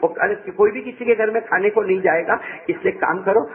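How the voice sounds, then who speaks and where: A man preacher telling a religious story in a dramatic sermon, swinging between raised cries and hushed low passages and often asking his listeners questions. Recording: tinny phone-like sound.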